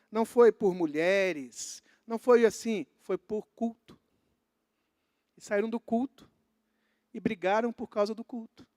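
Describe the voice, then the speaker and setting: High-voiced Brazilian pastor preaching emphatically. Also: male voice, dry recording, clean studio sound. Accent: Brazilian Portuguese. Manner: emphatic preaching, dropping to a hushed voice for scripture quotes. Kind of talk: sermon. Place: church.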